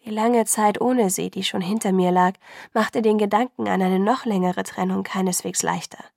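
Woman, audiobook narrator, first-person novel, soft subdued reading, vocal fry, dry studio sound. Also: mid-range voice, fairly even intonation, normal speed, no echo.

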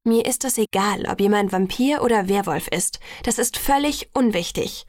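A woman's voice: medium pitch, normal speed, no room sound, studio quality, close to an everyday voice. A woman voicing an earnest, insistent teenage girl in audiobook dialogue.

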